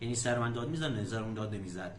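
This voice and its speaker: A man teaching a language lesson, slowly repeating English phrases and then explaining them. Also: fairly low pitch, animated. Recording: echoey room.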